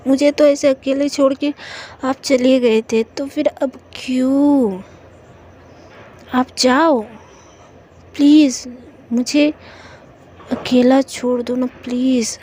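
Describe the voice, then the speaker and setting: A woman's voice: sits high, steady tone, takes it slowly, long pauses, dark tone, a little hiss or hum. A woman voicing a tearful, hurt young woman who sulks and tells her lover to leave, in a storytelling reading. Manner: sulky, hurt.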